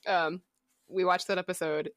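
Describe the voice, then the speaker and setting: A woman's voice: fairly low pitch, fairly even intonation, moderate pace, dry recording, clean studio sound. A young adult woman co-hosting a podcast in a casual, playful chat, often laughing. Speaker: podcast co-host.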